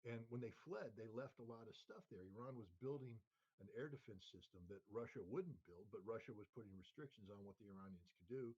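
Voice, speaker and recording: A man's voice: fairly low pitch, fast, darkish tone, husky, muffled recording. A man giving emphatic, unscripted analysis as a commentator, often restarting his sentences. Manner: emphatic, many restarts and fillers. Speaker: geopolitical commentator.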